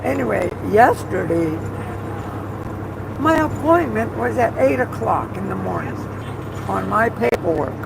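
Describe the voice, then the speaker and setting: Rough-voiced woman with a Texas-style twang. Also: fairly high pitch, measured pace, long pauses. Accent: Texan-like twang. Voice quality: rough, pushed voice. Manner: rambling, excited, chatty. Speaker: truck driver livestreamer. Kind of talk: casual livestream chat. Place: inside a moving truck cab. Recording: loud vehicle and road noise. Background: engine and road noise.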